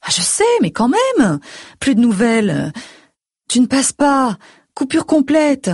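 A woman voicing a worried middle-aged mother who fires off anxious, pleading questions in a breathy voice. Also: sits high, very animated, a little mellow, no room sound, studio quality, voice pushed up, full character voice. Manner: rapid stream of anxious questions.

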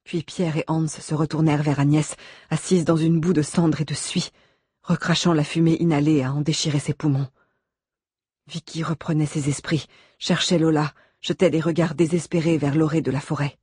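Audiobook narrator, suspenseful measured delivery, husky texture, dry booth sound. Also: mid-range voice, little pitch movement, a little mellow, dry recording.

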